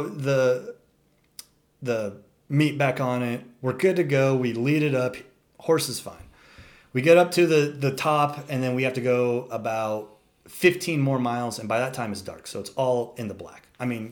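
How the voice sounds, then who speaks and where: Animated young man telling a wild story. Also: mid-range voice, a little slow. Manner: animated, profane, says "dude" a lot, acts out quotes. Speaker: storyteller guest. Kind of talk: casual storytelling.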